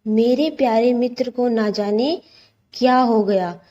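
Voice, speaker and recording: A woman's voice: on the high side, slow pace, mellow, dull audio. Woman playing a sly tortoise. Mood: mock wailing. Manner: wailing and pretending to grieve, then scolding. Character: sly male tortoise, the crocodile's friend.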